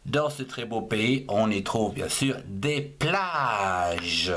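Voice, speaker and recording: A man's voice: on the low side, animated, extremely slow, a bit bright, a little hiss or hum. A man teaching children to write words in cursive, patiently spelling each syllable letter by letter. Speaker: handwriting teacher. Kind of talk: slow spelled-out writing lesson.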